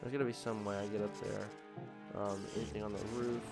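Over game music, a let's play host rattles through casual commentary on his video game, thinking aloud with many ums. His low voice is gravelly and slightly nasal from allergies, and he speaks fast in a flat delivery.

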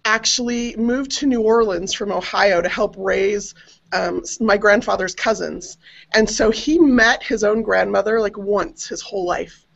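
Joining a genealogy web show by webcam, a middle-aged American panelist relates a family story of her own in a casual way. She speaks with a creaky, medium-pitched voice, carried through dull, compressed call audio.

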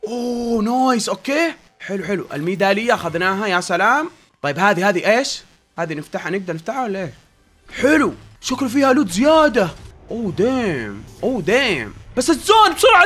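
A young man commentating his own gameplay, swinging between yelling and pleading in tense moments and quiet muttering when things calm down. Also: very high-pitched. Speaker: gaming YouTuber.

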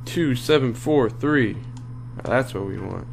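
Scared, slow-paced man streaming horror games. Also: mid-range voice, expressive, creaky, slight background noise. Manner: scared, sweary gamer muttering and exclaiming. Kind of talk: horror let's play commentary, reacting live while playing.

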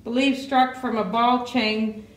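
A woman's voice: a little high, level tone, a little slow. A woman working as a museum tour guide, informally explaining exhibits in a hesitant, piecemeal way. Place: indoor museum rooms. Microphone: handheld camera, off-screen speaker. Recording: very echoey room, faint noise.

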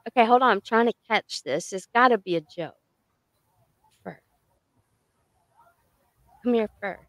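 Woman host, casual chatty, slightly high, dry close sound. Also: lively intonation, normal speed, no room sound. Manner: chatty, encouraging listener. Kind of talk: casual chat.

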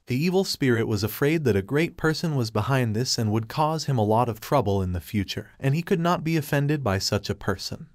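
A man narrating a comic recap in a steady, even storytelling manner, reading a script in the past tense. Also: mid-range voice, dry recording, studio quality.

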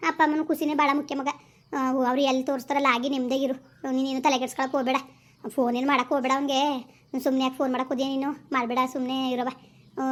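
A woman's voice: high voice, close to an everyday voice. A woman playing a bossy middle-aged village aunt with a rural Kannada accent, lecturing and repeating warnings. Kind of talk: village skit acting.

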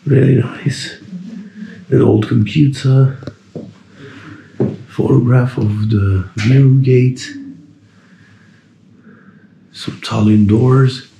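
A man in his thirties filming a casual travel vlog, chatty and relaxed, with self-deprecating asides, recorded on a handheld camera mic. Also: medium pitch, very slow, creaky, long pauses, a little hiss or hum. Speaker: travel vlogger. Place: indoors in a hostel, then outdoors in snowy streets and on a bus.

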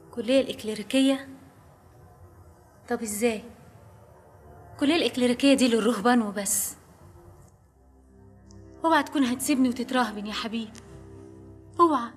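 A woman's voice: on the high side, a little fast, long pauses, soft background music, natural voice. An actress playing an anxious Egyptian mother. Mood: tender. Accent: Egyptian Arabic. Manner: pleading, soothing. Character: anxious, devoted middle-aged mother.

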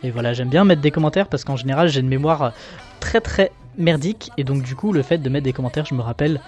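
A young man from France flipping through his sketchbook in a relaxed, self-mocking way, with lots of fillers. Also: medium pitch, quick pace, lo-fi sound, soft background music. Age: young adult. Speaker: artist showing his sketchbook. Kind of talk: casual commentary.

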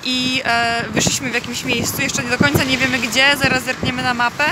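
A young woman chatting through a casual travel vlog, laughing often and filling pauses with hesitations, filmed on a handheld phone. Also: high-pitched, flat delivery. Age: young adult. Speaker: vlogger. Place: outdoors and in a snack bar, city and seaside. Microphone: handheld phone camera. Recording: loud street noise behind.

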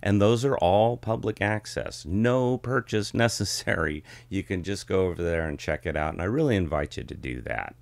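A middle-aged man chatting casually as a vlog host, with the warm, rich sound of a vintage ribbon mic in a home studio. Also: low voice, normal speed, gravelly, hardly any pauses, no room sound. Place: small home studio with curtain backdrop. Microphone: studio ribbon microphone close in front.

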